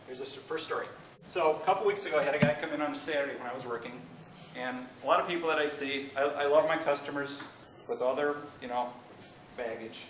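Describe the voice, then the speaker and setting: A pharmacist giving an informal public lecture, chatty and often checking in with the audience. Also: male voice, on the high side. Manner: chatty, asks the audience questions. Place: meeting room with an audience. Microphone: handheld mic. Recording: echoey, dull, noisy room recording.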